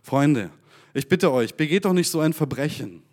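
A man's voice: on the high side, expressive, normal speed, voice pushed up, natural voice. A man voicing an anxious grown man who pleads earnestly, read aloud in a sermon. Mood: pleading.

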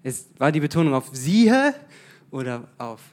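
A man preaching in a loose, conversational way, often pausing on fillers and restarting his sentences. He asks his listeners questions and slips in the odd English phrase. His pitch sits in an ordinary middle range. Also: darkish tone. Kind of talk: informal sermon.

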